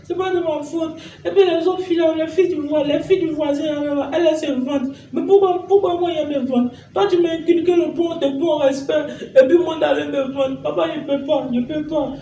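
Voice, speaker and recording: A young woman acting out a pleading daughter in a comedy sketch, with a high but mellow voice. She sounds a little distant from the mic, in an echoey room. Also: fairly even intonation, brisk, hardly any pauses, slight background noise. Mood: indignant. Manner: pleading, complaining. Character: pleading young daughter asking her father for money.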